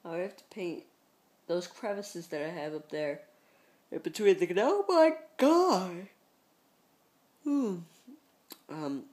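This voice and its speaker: His voice is on the high side, with vocal fry and a slightly mellow quality. He's a man vlogging drowsily from his bedroom late at night through a computer or camera mic, meandering along in relaxed chat full of fillers and corrections of himself.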